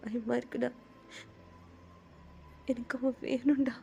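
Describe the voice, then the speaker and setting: A woman's voice: fairly high pitch, level tone, creaky, warm tone, slight background noise. A woman voicing a lovesick young man who cries and stammers as he speaks. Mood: tearful. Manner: halting, stammering, crying.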